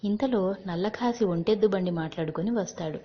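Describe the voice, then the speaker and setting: A woman narrating an audiobook story in a measured, unhurried way, in a dull recording with long reverb. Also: mid-range voice, dark tone, husky. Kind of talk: audiobook reading.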